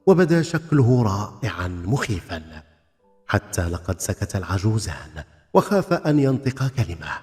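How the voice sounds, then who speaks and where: A man tells a folk tale in a low, highly animated voice. His delivery is theatrical and literary, set in long reverb with music underneath. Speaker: storyteller. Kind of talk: dramatic scripted folk tale narration in formal Arabic.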